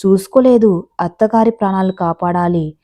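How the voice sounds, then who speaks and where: Woman, storyteller, scripted narration, steady, mellow warm voice, mid pitch. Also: normal speed.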